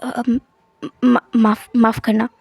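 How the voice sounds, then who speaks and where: A woman doing a calm young husband, voice dropped lower. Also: slow, gravelly, husky, no room sound, heavily acted. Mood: gentle. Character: calm seventeen-year-old husband, gentle alpha.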